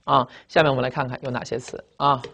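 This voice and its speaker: A male English vocabulary teacher, lecturing at a brisk clip. He drills his students through word roots, spelling letters out and repeating terms in a lively way. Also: medium pitch. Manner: lively, drawn-out spelling and repetition, frequent "啊" tags. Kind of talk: classroom lecture. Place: classroom with blackboard.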